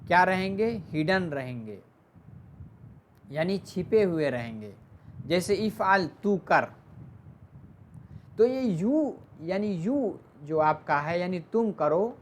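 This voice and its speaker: A teacher giving an online Arabic grammar lesson, explaining slowly, mixing in English terms, and asking the class questions before answering them. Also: medium pitch, sing-song, a little hiss or hum.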